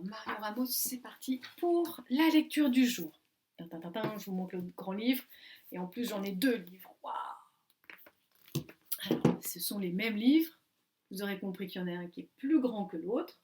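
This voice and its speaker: A woman giving a recorded lesson to young children, coaxing and sing-song, spelling letters out slowly. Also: mid-range voice, darkish tone. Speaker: kindergarten teacher. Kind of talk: remote class video lesson for young children.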